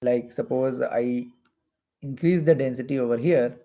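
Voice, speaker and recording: A man from India lectures on physics for exam preparation in a dark-toned, medium-pitched voice at a measured pace. He explains while drawing diagrams, returning to repeated phrases for emphasis.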